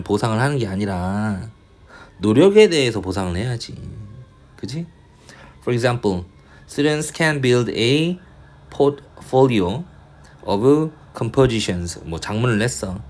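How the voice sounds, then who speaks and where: A man tutoring English in a casual online lecture, thinking aloud, muttering mild swears and reading English lines slowly. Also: on the low side.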